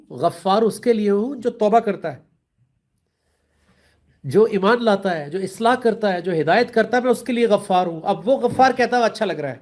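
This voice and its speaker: Earnest high-voiced Pakistani man preaching. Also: darkish tone. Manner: earnest, explaining with everyday examples, mixing in English words. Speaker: Islamic speaker. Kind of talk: religious talk.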